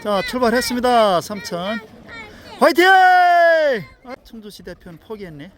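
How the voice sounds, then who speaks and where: A man giving casual live commentary on a race at an outdoor track while filming it, often shouting encouragement to the runners. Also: extremely high pitch, measured pace. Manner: excited, cheering and shouting encouragement. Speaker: amateur running club member filming a race. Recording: outdoor noise from a stadium track.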